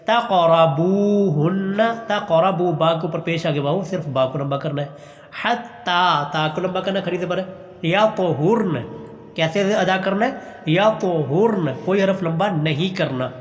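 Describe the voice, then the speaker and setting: High-voiced man teaching Quran recitation. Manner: slow drawn-out recitation between quick explanations; patient, repeats and urges practice. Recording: echoey room with long reverb.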